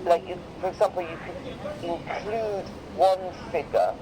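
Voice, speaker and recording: A man tutoring English one to one in a casual, explanatory way, softening his corrections with tentative phrasing. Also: high voice, unhurried, noisy background. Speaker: English teacher correcting writing.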